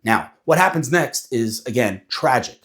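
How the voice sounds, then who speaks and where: A man talking casually to an audience, animated and acting out quoted voices as he explains. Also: mid-range voice, measured pace. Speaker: speaker.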